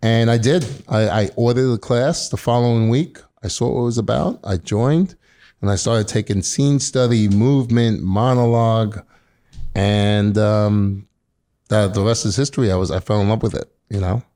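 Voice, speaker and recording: Appearing as an interview guest, this early-fifties man, who is both a firefighter and an actor, talks casually with a Queens, New York accent. He has a lowish, warm voice and speaks at a moderate pace.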